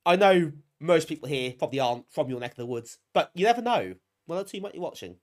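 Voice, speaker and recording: Fast and very animated, his fairly high voice is bunged up as he recovers from a cold. The British man hosts a retro gaming stream, talking to viewers casually and self-deprecatingly while showing his appreciation.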